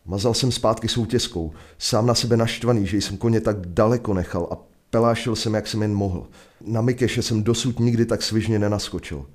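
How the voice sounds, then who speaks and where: A Czech man telling a first-person adventure story in a measured, vivid narration. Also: on the low side. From Czech Republic.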